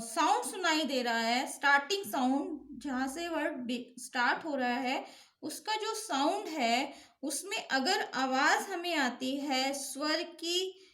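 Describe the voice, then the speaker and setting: High-voiced woman teaching grammar. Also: a bit bright, roomy sound. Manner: asks questions and answers them herself; keeps repeating an affirming check-in. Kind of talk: grammar lesson.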